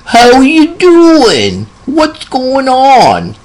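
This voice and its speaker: A man voicing a tiny, sweet old country man in his seventies who speaks in a high, slow and earnest way. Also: huge pitch swings, heavily acted, rough recording.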